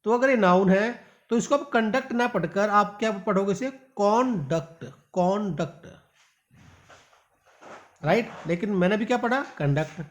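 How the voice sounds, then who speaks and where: Calling his learners "my dear," a high-pitched male teacher stretches example sentences out one word at a time during a spoken English pronunciation lesson. His reading is slow and drawn out, and the recording's highs are cut off.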